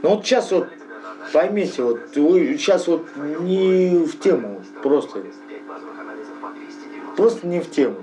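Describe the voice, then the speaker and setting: A man talking casually in a rough street-thug manner, full of slang and heavy swearing. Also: sits high, lively intonation, slow pace, pauses often, mellow, rough recording. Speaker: local resident being interviewed.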